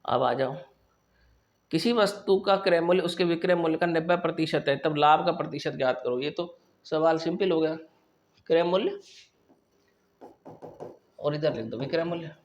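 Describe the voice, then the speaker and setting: A male maths teacher giving a classroom lesson, working through problems step by step and often pausing to check that students follow. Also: a little high.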